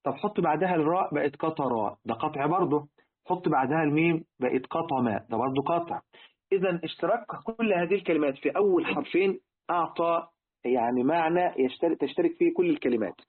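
Fast-talking Egyptian man teaching. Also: on the high side, expressive, husky. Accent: Egyptian Arabic. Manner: rhetorical questions to listeners, repeats key words. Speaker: religious teacher. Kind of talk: Quran word-meaning lesson. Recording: tinny, phone-like lo-fi recording.

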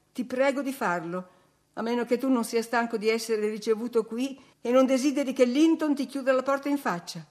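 A woman reading aloud voices a commanding, quick-tempered young mistress of the house, sharp and scolding. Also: fairly high pitch, pitched above the performer's own voice, close to an everyday voice.

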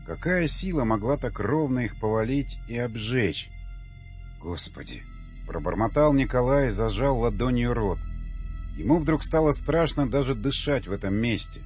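A man's voice: medium pitch, a little mellow. A man narrating an audiobook in a tense, dramatic reading. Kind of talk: scripted narration. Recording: dull lo-fi audio with faint music.

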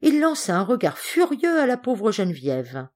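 A woman reading a classic children's novel aloud as an audiobook, in a clear, measured storytelling voice. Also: a little high, wildly swooping pitch, darkish tone. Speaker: audiobook reader.

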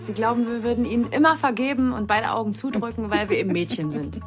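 An actress playing a self-assured woman who confides in a relaxed way, in a radio play. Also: on the high side, fast, music in the background, lightly acted. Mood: confiding. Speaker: brother's new girlfriend.

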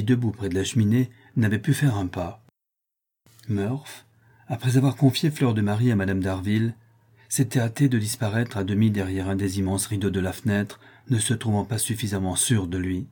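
A man narrating a classic novel in a measured, steady manner. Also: lowish voice, husky. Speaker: audiobook narrator. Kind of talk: scripted narration.

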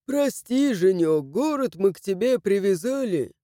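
A sheepish, evasive dragon man who brushes things off in an offhand way, voiced by a woman narrating an audiobook. The tone is mellow and the read dry and close. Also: medium pitch, big pitch swings, unhurried, dry recording. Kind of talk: audiobook character voicing.

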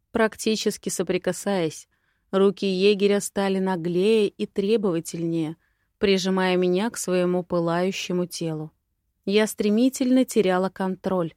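A woman narrating a first-person romantic fantasy audiobook in an expressive way. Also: on the low side, no echo, clean studio sound.

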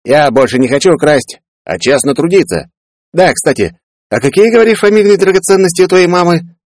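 A man voicing a greedy, brash grown brother who talks loud, wheedling and boastful. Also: fairly high pitch, lively intonation, fairly quick, no room sound, clean studio sound, voice pushed up, natural voice.

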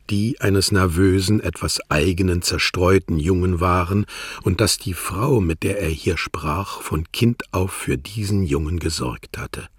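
A man gives a measured literary narration at a slow, unhurried pace. His low voice carries a husky grain, and the recording is close and dry, with no room sound. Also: no room sound. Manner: measured, even reading.

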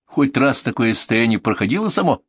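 A man's voice: medium pitch, big pitch swings, brisk, fairly bright tone, husky, dry recording, clean studio sound. A man voicing a stern woman doctor. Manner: lecturing, scolding. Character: stern middle-aged woman psychiatric ambulance doctor.

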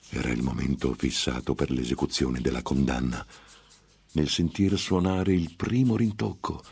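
A man narrating a gothic novel in a grave, measured dramatic reading. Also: extremely low pitch, darkish tone, breathy edge. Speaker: audiobook narrator.

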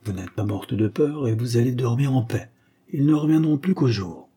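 A man's voice: medium pitch, animated, moderate pace, husky. A man reading the lines of a young French woman reassuring her frightened aunt in a storybook. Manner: gently reassuring.

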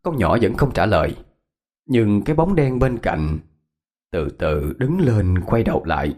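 A man narrating a first-person horror story in a tense, dramatic manner, slowing for suspense. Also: fairly low pitch, sing-song, darkish tone, slightly rough.

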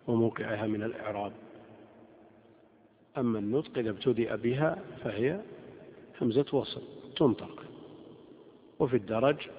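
A man teaching a classroom lecture as a teacher of hadith, explaining each point step by step. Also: lowish voice. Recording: lo-fi phone-like sound in a reverberant hall.

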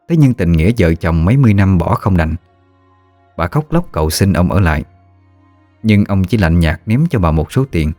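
A man narrating a ghost story in a steady, measured storytelling voice. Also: deep voice, no room sound.

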